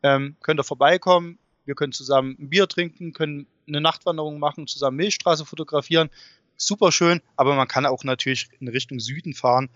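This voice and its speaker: A man's voice: fairly high pitch, brisk, fairly bright tone. A man, an interview guest chatting in an informal, enthusiastic way. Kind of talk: casual chat. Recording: dull, muffled sound with room echo.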